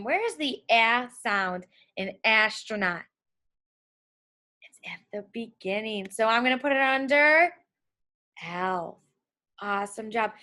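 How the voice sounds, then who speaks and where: Higher-pitched woman, slow encouraging phonics teacher. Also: a bit bright. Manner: slow, deliberate sounding-out with frequent questions to the children; encouraging, praising the listeners. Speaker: phonics teacher of young children. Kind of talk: children's phonics lesson, sounding out words.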